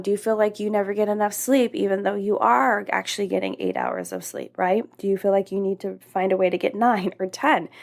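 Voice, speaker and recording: A woman's voice: mid-range voice, vocal fry, darkish tone. A woman hosting a self-help podcast, talking candidly in a casual, rambling way with fillers and self-corrections. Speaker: podcast host.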